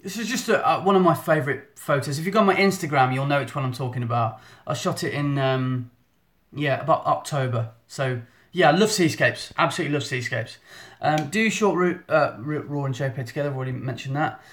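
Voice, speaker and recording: A man's voice: fairly high pitch, a little fast, a bit bright. A photographer hosting a live Q&A on his phone, chatty and self-deprecating, with lots of restarts. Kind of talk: live stream Q&A chat. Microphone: phone in selfie mode.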